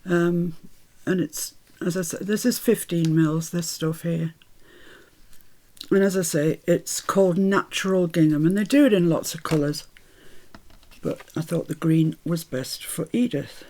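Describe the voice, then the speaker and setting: Lowish, warm and unhurried, this woman's voice leads a crafting tutorial as she keeps her hands busy. Scotland is where she was born, though years in the Midlands have mixed up her British accent; she's chatty, upbeat and quick to laugh.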